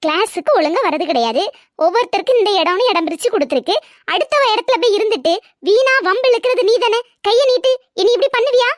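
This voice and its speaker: Woman doing a strict cartoon teacher, scolding kids, high pitched, dry close sound, tirunelveli accent. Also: lively intonation, fast talker, no room sound. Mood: stern. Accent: Tirunelveli Tamil. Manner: scolding, stern, questioning. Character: stern woman schoolteacher scolding her class. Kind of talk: comic cartoon voice acting.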